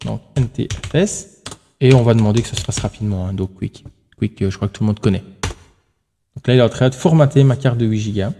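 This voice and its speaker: A man's voice: on the low side, fairly quick, warm tone, a little hiss or hum. A man hosting a tech tutorial, talking casually through each step on screen, thinking aloud with fillers and self-corrections.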